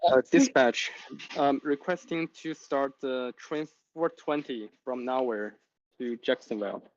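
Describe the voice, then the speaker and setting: A man's voice: mid-range voice, unhurried, dry recording. A man heard over a radio, making hesitant requests as a model railroad train operator. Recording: dull lo-fi radio sound.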